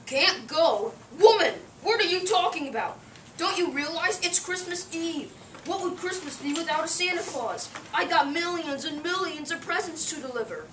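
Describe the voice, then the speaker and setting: A woman's voice: sits high, fairly quick, fairly bright tone. Woman playing a grumpy sniffling Santa Claus. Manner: blustering, indignant, sneezing. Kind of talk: amateur play reading. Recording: echoey room, distant mic, noise.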